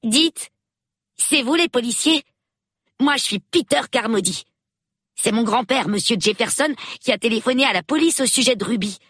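A man's voice: very high voice, animated, fairly bright tone, no room sound, clean studio sound, voice pushed up, exaggerated voice. A man voicing an eager, chatty boy of about nine in a storybook reading. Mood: excited. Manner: eager, rapid, gossipy.

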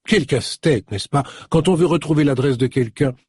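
A man's voice: fairly high pitch, moderate pace, darkish tone, breathy edge, no echo, studio quality. A man reading an audiobook, voicing a chatty, rambling woman on the phone. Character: chatty contralto-voiced woman employer. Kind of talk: audiobook character voice.

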